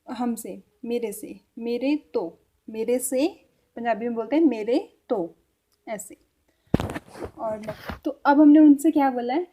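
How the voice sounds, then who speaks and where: A woman teaching a spoken language lesson, repeating each example sentence slowly and patiently explaining it step by step. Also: high-pitched, muffled recording.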